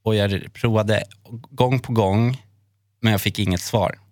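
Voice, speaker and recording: A man hosting a podcast, telling a personal memory in an earnest, halting way with many fillers. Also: lowish voice, steady tone, a little mellow, dry recording, clean studio sound. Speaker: podcast host. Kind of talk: personal storytelling in a chat.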